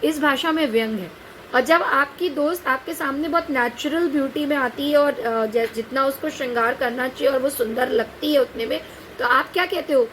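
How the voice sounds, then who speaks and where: High-voiced woman teacher asking rhetorical questions. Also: normal speed, fairly bright tone, poor audio. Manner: explains with frequent rhetorical questions and "ठीक है?"; patient, addresses students as "बेटा". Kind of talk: classroom lecture on a set text. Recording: faint background noise.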